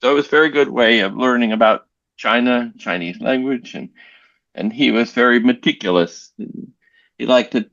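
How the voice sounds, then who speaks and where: A guest who is a language learner chats casually on a video call, rambling and restarting sentences as he remembers things. His mid-range voice is gravelly, relaxed, and moderately paced. The audio has no echo, but the highs are cut off.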